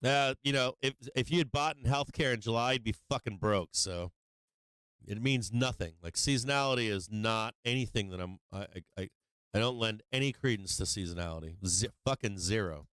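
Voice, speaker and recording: A man giving casual live trading commentary as a show host, blunt and profane, often halting and repeating himself. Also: on the low side, a bit bright, clean tone, no room sound.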